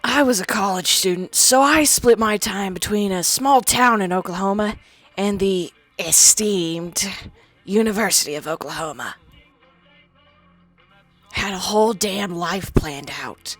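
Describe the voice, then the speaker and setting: A woman at medium pitch and a measured pace fan-voices a companion character in game dialogue, with soft background music. The character is a crude, sardonic young female ghoul and former psychology student, delivered in a wry, blunt and defensive way.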